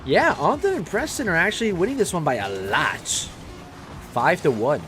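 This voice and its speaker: A man's voice: fairly high pitch, sing-song, moderate pace, fairly bright tone, faint music behind. A young man casually hosting a game tournament on a live stream, chatting loosely and calling the results. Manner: laid-back, chatty, says "like" and "bro" often.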